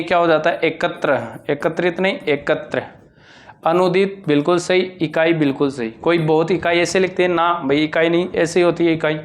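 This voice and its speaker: A male teacher giving an exam-prep grammar lesson, with a lilt, drilling answers and asking and answering his own questions. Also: a little high.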